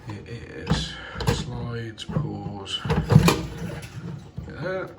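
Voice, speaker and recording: A British man who sounds unwell with a runny nose, talking casually and haltingly to himself as he narrates his plumbing work. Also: mid-range voice, lively intonation. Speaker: plumber filming his jobs. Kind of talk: casual work vlog, talking through tasks. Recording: noisy, clicks and vehicle sounds.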